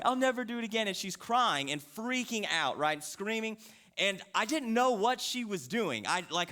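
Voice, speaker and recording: A man's voice: high-pitched, pushed and bright. A man preaching a sermon in a conversational, joking, storytelling way. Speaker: pastor.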